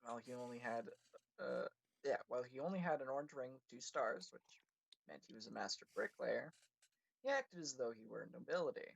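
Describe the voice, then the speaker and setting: A man's voice: mid-range voice, lively intonation, brisk, vocal fry, slight background noise, rough recording. A man hosting a livestream, reading his own story aloud in a casual way and correcting himself as he goes. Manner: casual, with self-corrections and laughs. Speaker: livestream host and writer.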